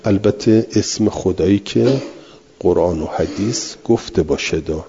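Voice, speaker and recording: A man's voice: deep voice, gravelly, background noise. A man teaching a class, reading a text aloud and then explaining it patiently with repetition and answering students. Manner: answers students' questions directly. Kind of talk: classroom lecture on scripture. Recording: dull lo-fi recording.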